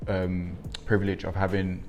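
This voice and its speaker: A man's voice: low-pitched, monotone, normal speed, creaky, a little mellow, faint music behind. A man in his twenties, born in Congo and raised in England, speaking reflectively with frequent ums in a documentary interview. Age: 20s. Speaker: interviewee, young father.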